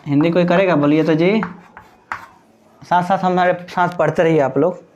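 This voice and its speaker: Man teaching grammar, higher voice. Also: fairly even intonation, moderate pace, a little mellow, lo-fi sound, a little hiss or hum. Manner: explains by asking the class questions and answering them himself; mixes Hindi with English terms. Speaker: English teacher. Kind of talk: classroom grammar lesson.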